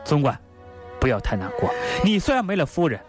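A man putting on a low, smooth voice as a bandit chief offering fake consolation. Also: sing-song, a little fast, over music. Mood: fake soothing. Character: smooth, falsely kind male bandit chief.

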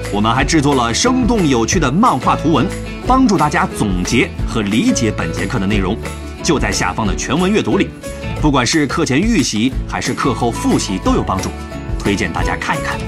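A man's voice: medium pitch, wildly swooping pitch, moderate pace, music in the background. A man telling a history lesson as a chatty, playful story. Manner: chatty, playful, with sentence-final particles.

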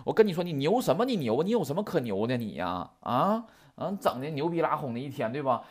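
Animated, fast-talking man teaching, heated rants. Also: fairly high pitch. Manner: chatty, heated, rhetorical questions. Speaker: Japanese language teacher. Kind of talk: casual lecture with rants.

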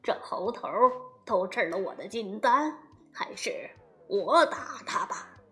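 A woman voicing an old male Taoist sage who gives shrewd advice in a slow, measured way in a storybook reading. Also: medium pitch, animated, pushed and bright, soft background music, pitched below the performer's own voice. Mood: advising.

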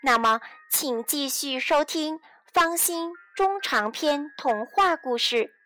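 High-voiced woman reading a children's story. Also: expressive, slow, soft background music. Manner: warm, addresses young listeners directly. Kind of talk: children's audio storybook narration.

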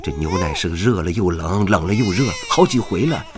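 A man's voice: low-pitched, animated, a little fast. An actor playing a kindly older station policeman, flustered and sighing as he coaxes a crying baby in a radio drama. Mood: weary, fretful. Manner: fussing and coaxing, sighing exclamations.

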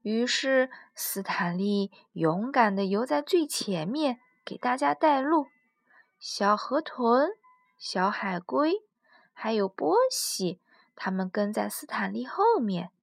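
A woman storyteller gently and expressively reading a children's story aloud, close to the mic. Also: fairly high pitch, animated, slow pace, gravelly, dry recording.

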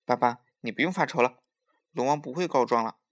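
A man's voice: mid-range voice, a little fast, natural voice. A man voicing a bold, hot-tempered young boy hero in a children's story, talking in a defiant, brash way. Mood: eager.

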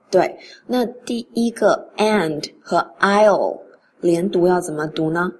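A woman teaching English pronunciation in a relaxed spoken lesson. She reads English phrases slowly and then explains them in Mandarin. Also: fairly low pitch, slight background noise.

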